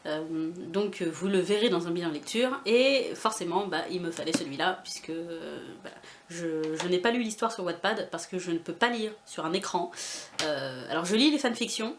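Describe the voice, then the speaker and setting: A woman's voice: on the low side, lively intonation, normal speed, background noise. A woman from France chatting casually in a vlog about her book haul, with many fillers, restarts and self-mocking asides. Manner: self-mocking, laughs often. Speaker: booktuber showing a book haul.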